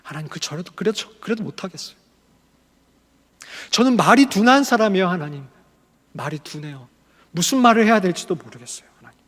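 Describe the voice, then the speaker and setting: A man's voice: high-pitched, animated, a little fast, long pauses, fairly bright tone. A man acting out Moses as a frightened older man who begs God not to send him. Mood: pleading. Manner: pleading, self-pitying. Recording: long hall reverb.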